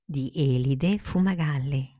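A woman narrating a children's story in a gentle, expressive, unhurried read-aloud manner. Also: sits low.

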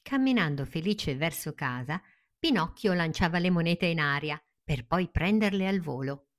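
A woman narrating a children's fairy tale in a slow, gentle storytelling manner. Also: low-pitched, expressive.

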